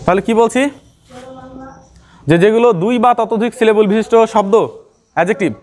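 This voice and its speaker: Male teacher, high-pitched, patient step-by-step grammar explainer. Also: fairly quick, darkish tone. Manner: explains step by step, repeats key terms and quizzes the viewer. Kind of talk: classroom-style grammar lesson.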